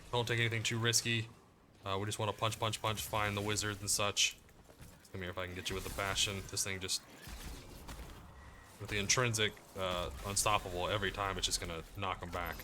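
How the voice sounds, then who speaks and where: A man giving casual commentary as he plays through a video game guide, relaxed and explaining as he goes. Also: lowish voice, a little hiss or hum. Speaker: gaming guide creator. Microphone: desk mic, muted to cough.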